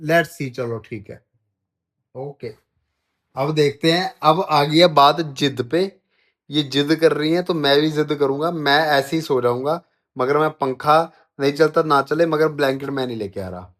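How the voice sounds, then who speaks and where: A man's voice: on the high side, a little slow, fairly bright tone. A man, vlogging a stubborn, teasing argument with his wife at home in the bedroom. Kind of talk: casual bickering at home.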